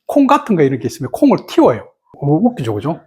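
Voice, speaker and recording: Animated meditation teacher telling a story. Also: quick pace. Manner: animated storytelling, many fillers, sudden pitch leaps. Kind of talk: storytelling dharma talk.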